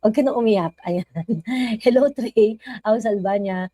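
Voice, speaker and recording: A woman's voice: fairly high pitch, measured pace, warm tone, no echo, low-quality recording. A woman with a Filipino accent hosting a casual live stream, chatting and reading viewer comments aloud.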